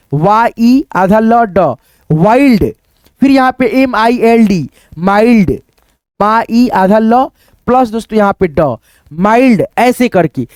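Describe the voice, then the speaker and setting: A man's voice: sits high, darkish tone, no room sound, clean studio sound. A man teaching beginners how to read English words, spelling them out letter by letter, repeating each answer and quizzing his viewers. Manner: keeps asking the viewers what to read. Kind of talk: phonics lesson for beginners.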